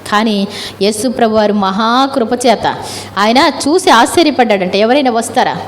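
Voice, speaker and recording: A woman preaching a sermon who keeps asking her listeners questions and then answering them herself. Her voice sits a little high for a woman. A faint hiss runs under the recording. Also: normal speed.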